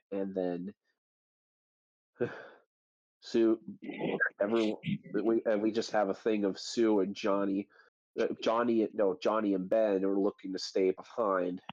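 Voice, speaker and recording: A man hosting a book club chat, retelling the story in a loose, animated way and acting out quoted lines with sudden high bursts. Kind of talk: casual chat. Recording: dull lo-fi audio.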